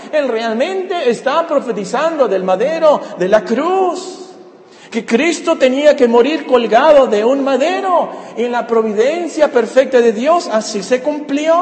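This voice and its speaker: A man preaching a sermon to a congregation, animated and often asking them questions. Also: very high-pitched. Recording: echoey hall with long reverb.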